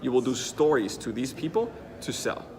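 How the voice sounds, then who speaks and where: A Dominican man, a native Spanish speaker with a Dominican Spanish accent, has a medium-pitched, very animated, slightly mellow voice at a moderate pace. As a digital marketing host, he coaches emphatically in a conversational way, repeating key points.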